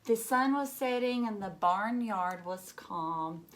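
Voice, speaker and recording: In a mid-range voice, a woman takes her time reading a picture book aloud to young children. She reads expressively, stressing words and adding asides and questions for her audience.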